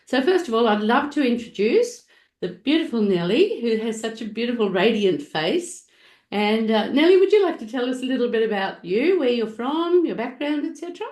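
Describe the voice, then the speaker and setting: A woman's voice: fairly high pitch, sing-song, moderate pace, darkish tone, echoey room. A woman hosting an interview, gushing with enthusiasm and heaping praise on her guest. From Australia. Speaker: podcast host and natural health practitioner.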